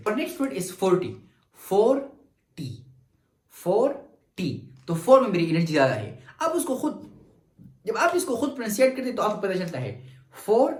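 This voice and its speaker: A man from Pakistan, teaching an English grammar lesson and slowly stretching and repeating words to show syllable stress. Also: high voice. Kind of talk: grammar lecture mixing Urdu and English. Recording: echoey room.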